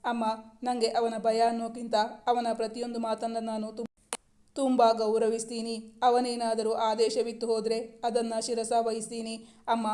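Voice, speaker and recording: A woman voicing an anxious young new mother who pleads with her mother-in-law, in a flat, mellow voice. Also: fairly high pitch, natural voice. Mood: devoted. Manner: pleading, worried.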